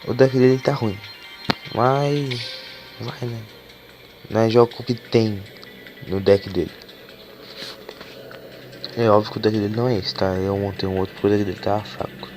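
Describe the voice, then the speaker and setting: A man with a cold and a hoarse voice, talking casually as he opens card packs for a gaming video, cursing and getting excited over the cards. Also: fairly low pitch, measured pace, pauses often. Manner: casual and swearing, excitable when cards are revealed. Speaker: gaming YouTuber. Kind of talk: casual gameplay commentary. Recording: game music playing behind the voice.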